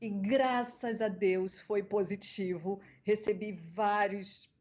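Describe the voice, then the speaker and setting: A woman with a Brazilian accent, a guest voice actress on a podcast, telling stories in an animated way. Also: mid-range voice, takes it slowly, crowd noise. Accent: Brazilian Portuguese. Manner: animated storyteller, acting out quoted voices. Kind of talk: casual interview storytelling. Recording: dull lo-fi podcast audio.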